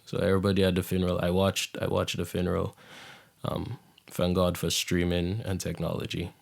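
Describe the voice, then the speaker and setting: Guy hosting a podcast, deep gravelly voice, soft and thoughtful. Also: completely flat delivery, a little fast. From Saint Lucia. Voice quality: low gravelly voice. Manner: reflective, soft-spoken, drops into hushed near-whisper. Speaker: podcast host. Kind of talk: casual monologue.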